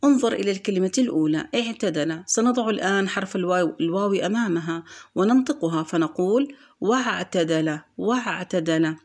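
A woman teacher giving a recorded grammar lesson for children, patiently explaining step by step and repeating example words slowly. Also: mid-range voice, expressive, a little mellow.

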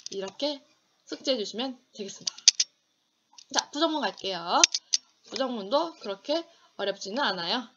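A Korean woman teaching an online English grammar lecture, reading English example sentences slowly and deliberately. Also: on the high side, expressive, lo-fi sound, heavy background noise.

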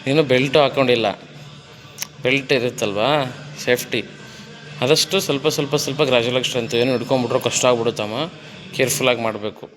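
A man's voice: mid-range voice, fairly even intonation, fast talker, long pauses, fairly bright tone, faint music behind, low-quality recording. A male fitness trainer coaching a client through a gym workout, encouraging her, counting reps and cueing her breathing.

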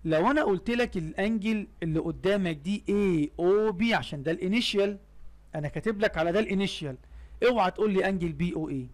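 A young man with an Egyptian Arabic accent and a high voice teaches a math lesson. He walks through each step, poses questions and answers them himself, and drops English math terms into his Arabic. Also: quick pace.

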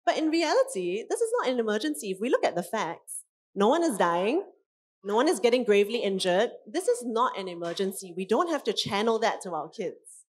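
Woman in her thirties, parenting coach, conference talk, animated, mid-pitched voice. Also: a little fast.

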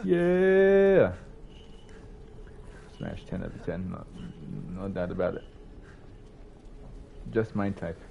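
A man's voice: lowish voice, big pitch swings, slow, creaky, pauses often, phone-quality sound, a little hiss or hum. A young man streaming a horror game, reacting with panicked, swearing outbursts and running commentary. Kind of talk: live gameplay commentary.

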